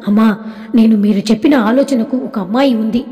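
A woman narrator reading the lines of a grieving, kind-hearted widowed mother, in a sorrowful, gentle way. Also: fairly high pitch, fairly quick, long reverb tail, lo-fi sound, lightly acted. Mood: worried.

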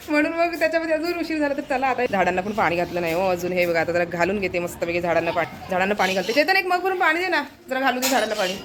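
A woman's voice: mid-range voice, noisy background. A young woman chatting to viewers in a casual home vlog, showing her chores. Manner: chatty, addressing viewers directly. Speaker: vlogger.

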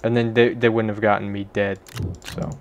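A man's voice: on the low side, flat delivery, normal speed, a little hiss or hum. A young man giving casual, rambling gameplay commentary, self-deprecating and swearing offhandedly. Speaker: gaming video creator.

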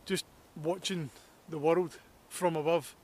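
A man's voice: on the high side, fairly even intonation, slow, a little mellow. A man with a Scottish accent, a landscape photographer vlogging outdoors on a hillside, enthusiastic and reflective as he talks to the camera. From Scotland. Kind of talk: outdoor walking vlog. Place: hillside outdoors in snowy weather.

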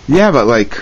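A man's voice: fairly high pitch, husky. A young man in casual chat at home, insistently prodding with short questions. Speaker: grandson filming and questioning. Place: indoors at home. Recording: muffled, noisy home recording.

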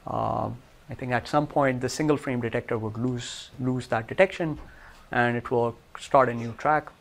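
A man's voice: mid-range voice, fairly even intonation, moderate pace, gravelly. A man presenting research in a lecture room, walking listeners through results on his slides in a technical talk.

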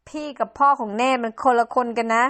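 Brief: a gentle, reassuring young boyfriend in a game drama, as a woman voices him, still fairly high. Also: steady tone, fast talker, lightly acted. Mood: soothing. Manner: soothing, reassuring.

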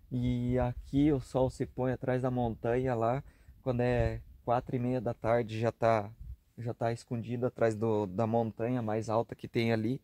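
Speaking with a southern Brazilian accent from Rio Grande do Sul, an easygoing travel vlogger chats casually outdoors, often throwing in tag questions. His voice is medium-pitched and mellow in a dry recording from a camera at arm's length, at a grassy hilltop campsite and earlier in a car at night.

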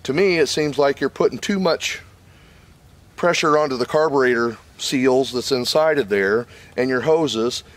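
A man's voice: mid-range voice, a little slow. An older man hosting his channel, casually explaining and demonstrating a chainsaw in a wooded lot, folksy and plain with fillers, recorded by a camera mic. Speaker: channel host reviewing a chainsaw.

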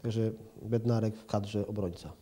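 A football pundit in his forties answers questions in a TV sports interview, halting and restarting with many fillers. His voice is lowish with fairly even intonation and a slightly slow pace, and there's a noisy background. He's indoors in an office room with a plant, with a handheld reporter mic held toward him.

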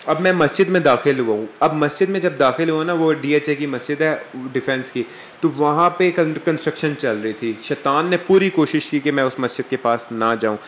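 Guy giving a heartfelt religious talk, bit of a higher voice, faint room noise behind. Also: brisk, a bit bright. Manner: earnest, emotional storytelling. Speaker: religious speaker. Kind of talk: earnest religious talk with personal story. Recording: echoey room, faint ambience.

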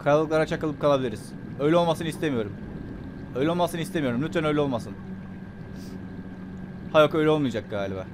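A Turkish-accented man commenting on a game he is playing, his voice sitting a little high for a man. He plays at being frightened and swings from hushed muttering to shrieks. A faint hiss sits under his voice. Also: lively intonation, fast talker, pauses often. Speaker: gaming YouTuber. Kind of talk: let's play commentary.

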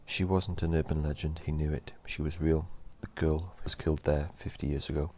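A man narrating a horror story in a slow, measured storytelling delivery. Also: extremely low pitch, level tone, warm tone.

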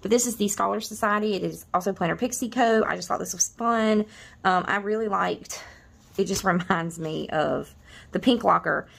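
A woman's voice: mid-range voice, normal speed, vocal fry, fairly bright tone. A middle-aged woman chatting casually while showing off planner kits, rambling with many restarts and a tender, wistful tone. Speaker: planner vlogger.

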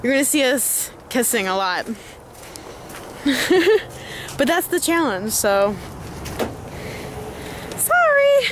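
A young woman chats into a handheld camera held at arm's length, giggling and rambling with plenty of fillers. Her voice sits a little high and she talks slowly, with faint background noise. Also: very animated. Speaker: vlogger. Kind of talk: casual vlog chat. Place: home, then a car at night.

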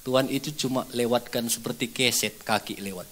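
A male pastor, preaching through a story, swinging between loud and hushed. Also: medium pitch, fairly quick, slight background noise. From North Sumatra, Indonesia. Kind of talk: sermon.

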